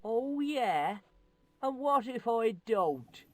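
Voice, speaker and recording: Scrappy Irish street boy, lying and boastful, video game character, slow deliberate delivery. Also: mid-range voice, very animated, no room sound. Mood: evasive. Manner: boastful, storytelling, tough-talking.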